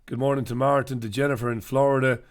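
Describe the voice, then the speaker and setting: Male host with a head cold, mid-pitched, dry and jokey, casual newspaper-review live stream. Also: level tone, fast talker. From United Kingdom. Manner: sardonic, jokey asides.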